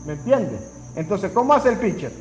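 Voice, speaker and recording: A man's voice: sing-song, moderate pace, dull audio, soft background music. A man preaching a sermon, dramatically acting out dialogue and calling on the congregation to repeat after him. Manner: dramatic, acts out dialogue with sudden pitch swings; addresses congregation directly, calls them to repeat.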